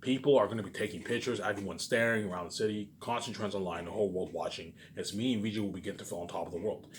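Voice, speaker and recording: Talking fast in a lowish voice, a man runs through a casual, meandering monologue, repeating himself emphatically and swearing. He keeps adding tag questions for agreement, and the recording has a little hiss or hum.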